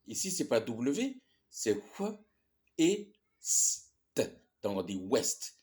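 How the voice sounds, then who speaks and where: A man teaching English sounds in a slow, patient lesson, spelling letters out and repeating words. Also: on the high side, big pitch swings, warm tone.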